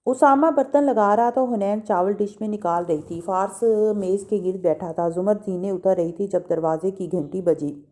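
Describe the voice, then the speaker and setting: A woman narrating a novel aloud, steady and expressive with small restarts. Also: medium pitch. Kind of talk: dramatic audiobook reading.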